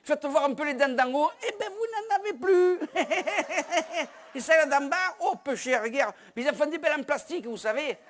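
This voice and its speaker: A man voicing an older woman who fusses over an injured man, shrill and laughing as she talks. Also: normal speed, a little hiss or hum, natural voice. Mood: frantic, amused.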